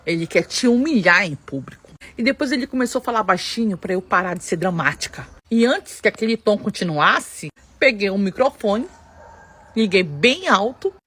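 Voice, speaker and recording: A woman's voice: medium pitch, normal speed, breathy edge. A woman with a Brazilian Portuguese accent telling a dramatic first-person story and often speaking straight to her listeners. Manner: animated, addresses listeners directly.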